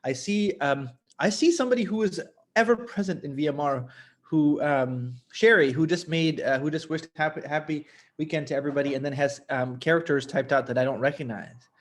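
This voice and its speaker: A man's voice: fairly high pitch, fairly quick. A man originally from Lebanon hosting an online medical case session, upbeat and enthusiastic, often playful. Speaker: host. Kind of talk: casual video call chat. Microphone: video call.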